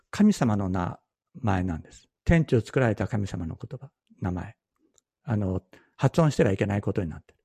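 A middle-aged man, a pastor, giving a Bible teaching sermon in a measured, explanatory way, repeating key phrases for emphasis. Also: mid-range voice, vocal fry, dark tone, breathy edge, dry recording.

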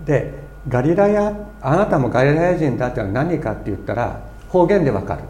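A man's voice: mid-range voice, lively intonation, fairly quick, mellow. A middle-aged man preaching a sermon in an earnest, explanatory way, with fillers and restarts as he goes. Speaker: pastor.

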